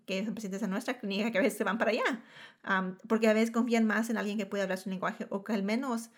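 A woman's voice: mid-range voice, steady tone, fast talker. A woman hosting a casual conversation, switching between Spanish and English mid-sentence in Spanglish. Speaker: podcast host, dental professional.

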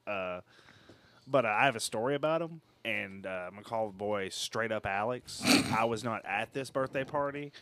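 A man co-hosting a casual movie watch-along, telling stories in a halting, crude, filler-heavy way. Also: lowish voice, bright, forceful tone, a little hiss or hum. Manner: rambling storyteller, halting with many fillers, crude. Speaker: podcast co-host, called [name].

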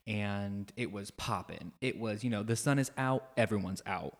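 Low-voiced man, playful and jokey. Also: moderate pace. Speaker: podcast co-host. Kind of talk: casual travel chat.

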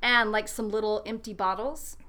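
A woman's voice: mid-range voice, steady tone, moderate pace, bright, forceful tone. A woman co-hosting a casual chat, full of playful, joking banter. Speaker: co-host. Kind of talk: casual chat about whiskey.

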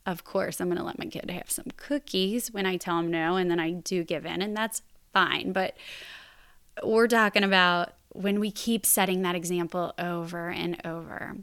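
A woman's voice: fairly low pitch, steady tone, moderate pace, a bit bright, clear, resonant tone. A woman in her thirties or forties giving casual parenting advice, candid and self-deprecating, laughing at her own habits.

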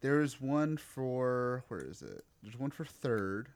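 A man's voice: mid-range voice, big pitch swings, slow pace, smooth. A man, co-hosting a podcast in casual chat, teasing, laughing and swearing freely. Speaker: podcast co-host.

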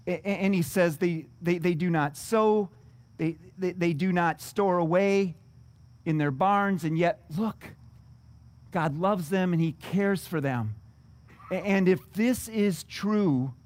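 A man's voice: high-pitched, dry recording. A man preaching a sermon as a pastor, reading scripture and then explaining it earnestly, often restarting his words.

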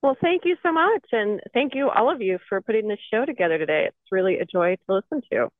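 A cheerful woman calls into a radio show, her voice coming through a thin, tinny phone line. Her pitch bounces up and down as she chats. The sound is dry, with no room around it. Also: animated, quick pace, no room sound. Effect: phone line on a radio call-in. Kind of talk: casual chat.

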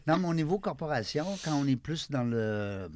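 A man's voice: medium pitch, lively intonation, fairly quick, a little mellow. A man with a Québécois French accent co-hosting a podcast, chatty and joking as he puts questions to a guest. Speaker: podcast co-host. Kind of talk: casual panel discussion.

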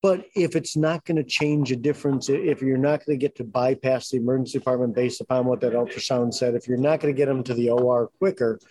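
A man's voice: mid-range voice, fairly even intonation, quick pace, few pauses, warm tone, dry recording, rough recording. A man speaking in a casual panel discussion, thinking aloud with lots of "you know" and "I mean". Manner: thoughtful, many fillers like "you know".

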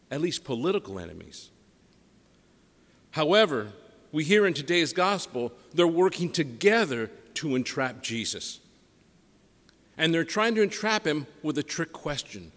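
Priest preaching in cathedral-like echo. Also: male voice, on the high side. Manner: measured, solemn, deliberate public delivery. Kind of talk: gospel reading and homily. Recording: echoing church, long reverb.

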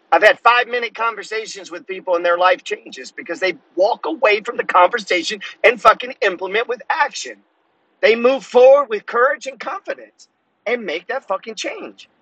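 A man's voice: high voice, sharp tone, slightly rough, no echo, low-quality recording. A man in his fifties hosting a podcast, giving a blunt, profane motivational monologue. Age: 50s. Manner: blunt, cursing, preachy. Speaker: podcast host.

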